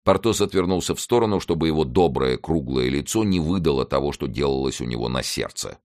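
A man narrating an audiobook with an expressive, theatrical reading. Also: a bass voice, a little fast, no echo, clean studio sound.

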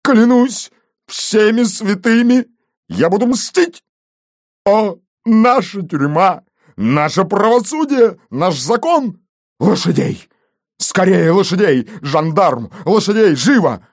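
A man's voice: mid-range voice, expressive, takes it slowly, a little mellow, dry recording, clean studio sound. A man voicing a pompous, hot-tempered male police chief in a storybook reading. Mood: raging. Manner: indignant, blustering.

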